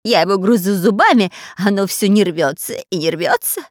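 A woman's voice: medium pitch, normal speed, dry recording, studio quality, lightly acted. A woman voicing a cowardly, long-nosed male robber who whines and squeals, in an audiobook reading. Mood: whiny. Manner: whining, squealing, quarrelsome. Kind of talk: audiobook character voice.

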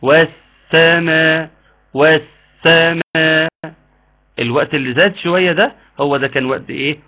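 Egyptian guy teaching quran recitation over a tinny call, kinda husky, patient. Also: mid-range voice. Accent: Egyptian Arabic. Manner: explains patiently, models slow drawn-out recitation. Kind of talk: online tajweed lesson. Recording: tinny phone-like line.

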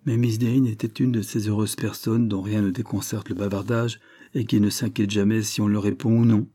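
A man reading a classic novel aloud in a measured, even storytelling manner. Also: lowish voice. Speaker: audiobook reader. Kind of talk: scripted narration of a classic novel.

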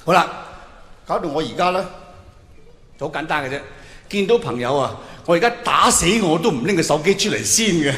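This Hong Kong Cantonese-accented comedian has a slightly high, fairly bright voice and speaks briskly and animatedly, pausing often. He performs a colloquial, nostalgic stand-up set on a large hall's stage, needling the audience with rhetorical questions, captured live with echo and faint noise.

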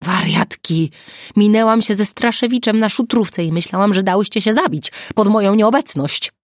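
A woman's voice: medium pitch, normal speed, no room sound, pitched above the performer's own voice, lightly acted. A woman voicing an exhausted, frantic young woman in an audiobook, with a dry, close sound. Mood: relieved. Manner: cries out in alarm. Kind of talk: audiobook character voice.

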